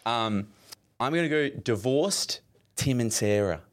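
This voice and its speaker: A man's voice: mid-range voice, animated. Chatty podcast co-host, man. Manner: chatty, explains with quick asides. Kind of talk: casual chat.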